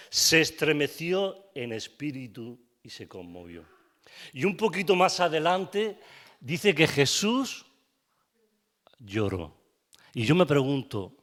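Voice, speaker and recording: Slow-preaching Spanish pastor. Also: male voice, fairly high pitch, fairly bright tone. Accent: Spain. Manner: preaching with rhetorical questions and frequent amens. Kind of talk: sermon. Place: church.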